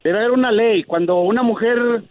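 Male caller, fairly high voice, complaining storyteller. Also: moderate pace, narrow, tinny audio. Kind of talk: casual call-in chat.

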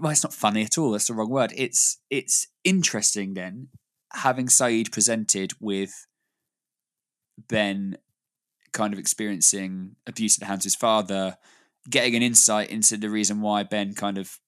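A man from Britain co-hosts a relaxed podcast conversation. He rambles, laughs often and restarts his sentences. His voice sits on the low side. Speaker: podcast co-host. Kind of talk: casual chat.

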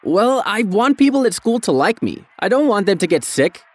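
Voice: medium pitch, sing-song, a little slow, no echo. A voice actor playing a young son who tells his busy mother about a problem in a recorded English-lesson dialogue. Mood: cheeky.

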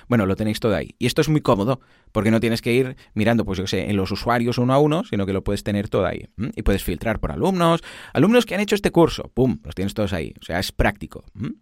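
A man hosts a casual talk, explaining things in an animated way and tossing in little tag questions and examples. His voice sits at a middle pitch and is recorded dry and close, with almost no room sound. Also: no room sound. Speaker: podcast host explaining software.

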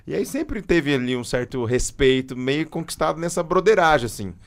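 A man's voice: on the high side, normal speed. A man, a teacher telling classroom stories in slangy casual chat. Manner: animated storyteller, slangy.

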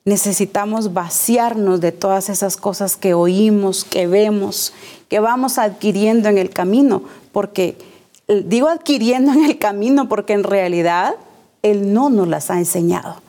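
A woman's voice: medium pitch, unhurried, warm tone. A woman preaching a sermon to her congregation, speaking emphatically, repeating key phrases and asking rhetorical questions.

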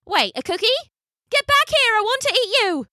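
A woman's voice: extremely high pitch, very animated, slow pace, pushed and bright, no echo, studio quality, pitched above the performer's own voice, exaggerated voice. Woman doing a squawking indignant tourist. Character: indignant camera-snapping female tourist.

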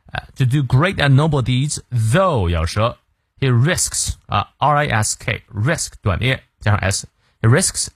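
A man's voice: fairly low pitch, no room sound, clean studio sound. A man hosting a daily English reading lesson, explaining a quote word by word in an encouraging way, with frequent filler sounds.

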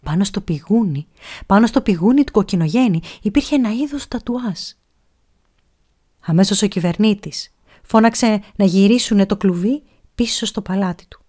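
A woman reading a children's pirate story aloud, expressive, dropping to a whisper at tense moments. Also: medium pitch.

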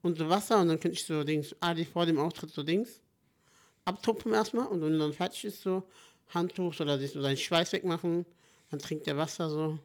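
A young man co-hosting a casual podcast, talking in an animated, jokey, rambling way. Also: a little high, brisk. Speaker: podcast co-host. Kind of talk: casual chat.

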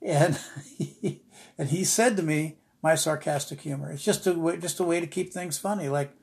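Chatty man, slightly high voice. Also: moderate pace, vocal fry, a little mellow. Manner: rambling, storytelling, frequent fillers and restarts; dry sarcastic humor. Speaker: podcast host, ministry teacher. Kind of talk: informal devotional podcast talk.

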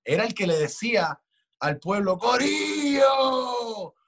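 A man's voice: fairly high pitch, normal speed. A man in casual chat, arguing passionately, swearing often and acting out quoted voices.

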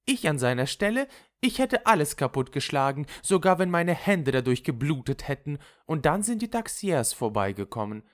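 A woman's voice: sits low, very animated, normal speed, pitched above the performer's own voice. A reader voicing Loulou, a flighty and impulsive young woman who chatters in a gossipy way, in an audiobook. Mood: chattering. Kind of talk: audiobook character voice.

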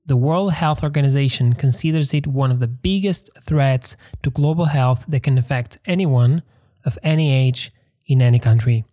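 A man hosting a podcast, reading scripted narration in an even, read-aloud delivery. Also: mid-range voice, normal speed. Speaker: podcast host.

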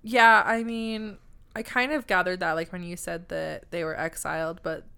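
A woman with a lowish, gravelly voice chats casually on a podcast. She reacts quickly and jokes along with her co-host. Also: fairly bright tone. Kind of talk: casual chat.

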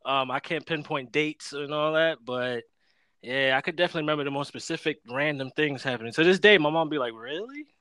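A man's voice: a little high, a little fast, pushed and bright, no room sound. Profane, laid-back young man hosting a podcast. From Florida. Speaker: podcast host. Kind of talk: casual podcast chat.

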